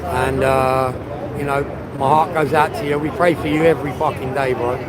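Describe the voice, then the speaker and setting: Man livestreaming from a loud crowd. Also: mid-range voice, fairly even intonation, moderate pace. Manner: chatty, swears often, greets viewers by name. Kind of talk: casual live-stream chat. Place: outdoors on a busy city street. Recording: loud crowd noise from the street.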